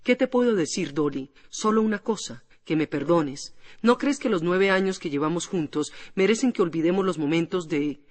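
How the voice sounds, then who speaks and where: A man's voice: high voice, normal speed, lightly acted. A man reading an audiobook, voicing a remorseful nobleman who timidly and tearfully begs his wife's forgiveness. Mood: pleading, tearful. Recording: long hall reverb.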